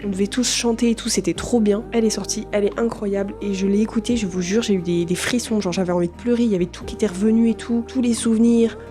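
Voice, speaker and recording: A woman's voice: mid-range voice, steady tone, fast talker, few pauses. A young adult woman chatting casually about songs she likes as a music vlogger, slangy and talkative, often turning to her viewers. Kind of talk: casual chat.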